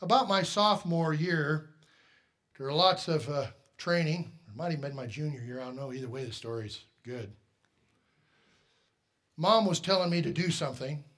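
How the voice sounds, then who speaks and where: Middle-aged guy preaching, kinda high voice, goes quiet then gets loud and punchy. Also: normal speed, long pauses. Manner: storytelling, swings from quiet asides to loud emphatic peaks. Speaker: pastor. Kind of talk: sermon.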